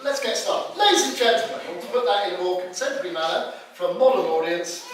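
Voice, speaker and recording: A middle-aged man gives a humorous father of the bride speech in a halting, joking way, talking directly to his audience. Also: sits high. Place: live wedding reception before an audience. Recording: echoey noisy room, distant microphone.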